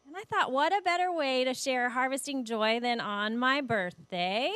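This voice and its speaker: A woman in her forties, a guest speaker, gives a sermon in a church sanctuary with a high, fairly bright voice at a moderate pace. She tells personal stories emotionally and laughs often, with a little hiss or hum in the audio.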